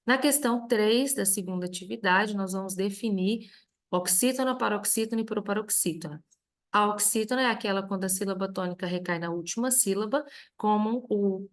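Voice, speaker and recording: A woman teacher with a Brazilian Portuguese accent, reviewing a grammar lesson in a clear, step-by-step way and stressing each example word. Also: medium pitch, normal speed.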